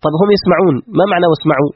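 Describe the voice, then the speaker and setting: Rapid high-voiced man lecturing emphatically. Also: fairly even intonation, husky, lo-fi sound. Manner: emphatic, fires rhetorical questions. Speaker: guest scholar explaining Quran verses. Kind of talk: explanatory religious lecture.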